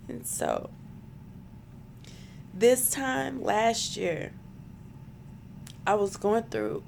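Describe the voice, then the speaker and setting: A woman's voice: medium pitch, creaky, slight background noise. A woman in her thirties telling a personal faith story to camera, earnest and close to tears. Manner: earnest, emotional, spiritual storytelling. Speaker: vlogger.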